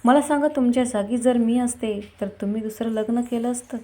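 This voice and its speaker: A woman's voice: a little high, steady tone, moderate pace, dark tone, lightly acted. A woman voicing a devoted, strong-willed wife who talks with emotion and insistence. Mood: shocked.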